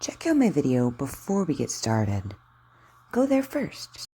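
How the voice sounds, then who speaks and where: A woman's voice: very deep voice, huge pitch swings, measured pace, dark tone, husky. A woman speech therapist giving simple, encouraging instructions in a lesson. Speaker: speech therapist teaching articulation. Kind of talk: friendly instructional lesson talk.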